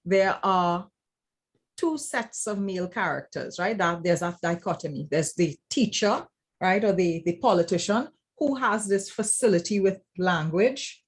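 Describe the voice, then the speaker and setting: Speaking at a casual roundtable panel, a lecturer in academic writing from Trinidad and Tobago talks in a fairly low, breathy voice at a slightly slow pace. Her Trinidadian accent comes through as she reflects aloud, frequently asking "right?".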